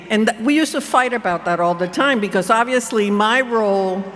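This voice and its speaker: A woman giving a convention speech, emphatic and rallying the crowd, recorded in a large hall with the crowd audible. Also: medium pitch. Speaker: keynote speaker. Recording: convention hall, room reverb, crowd noise.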